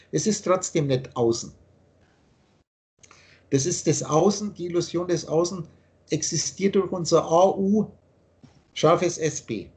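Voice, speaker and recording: A man's voice: on the high side, a little mellow. A man explaining his teaching in a long, earnest monologue, often repeating himself, over a video call. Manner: repetitive, earnest, lecturing.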